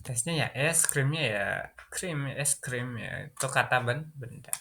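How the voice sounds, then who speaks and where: Indonesian male English teacher, bright voice, patient repeat-and-translate delivery. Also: medium pitch, a little slow, a little hiss or hum. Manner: repeats and translates words, frequent "gitu ya" fillers. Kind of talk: classroom lesson explaining vocabulary.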